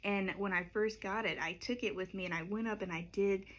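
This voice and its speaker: A woman's voice: mid-range voice, fairly even intonation, brisk. A woman singer-songwriter chatting casually and unhurriedly between songs, rambling with lots of fillers. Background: acoustic guitar.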